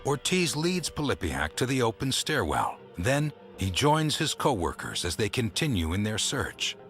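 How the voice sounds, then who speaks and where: A man's voice: medium pitch, sing-song, a bit bright. Grave male documentary narrator over music. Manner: measured, grave storytelling.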